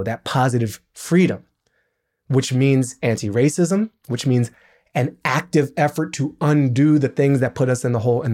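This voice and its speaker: A middle-aged man speaks as a podcast guest, his voice at an ordinary male pitch. He explains with lively emphasis, pushing up on the lines that matter. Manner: animated, emphatic explaining with business analogies. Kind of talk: podcast interview.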